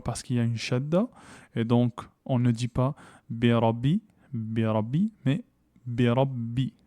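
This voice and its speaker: A man gives a patient tajwid lesson, reciting and explaining pronunciation step by step. His voice is mellow and of middle pitch, and he repeats sounds slowly with emphasis. The recording is dry and close, with no room sound. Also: smooth, dry recording. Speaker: Quran recitation teacher.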